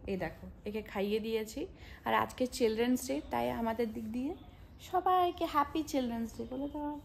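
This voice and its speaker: A woman's voice: on the high side, quick pace, gravelly, a little hiss or hum. Chatty woman vlogging to viewers. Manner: chatty, talking straight to viewers. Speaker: vlogger and mother. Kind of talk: casual vlog chat.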